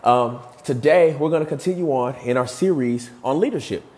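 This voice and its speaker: A man's voice: fairly high pitch, fairly quick, mellow. A man hosting a motivational podcast on leadership, a bit out of breath, talking earnestly in a repetitive preaching cadence with fillers. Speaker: podcast host and motivational coach.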